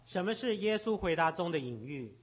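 A husky, fairly high-voiced man interprets a sermon phrase by phrase. He halts and repeats words as he works out each line, keeping pace with the preacher. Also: sing-song, a little fast. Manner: hesitant, repeats words while searching for phrasing.

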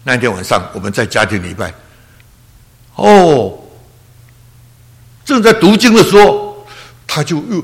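A man's voice: mid-range voice, very animated, measured pace, pauses often. Man around 80, pastor. Earnest testimony with emotional swings. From Taiwan. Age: about 80. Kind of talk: personal testimony.

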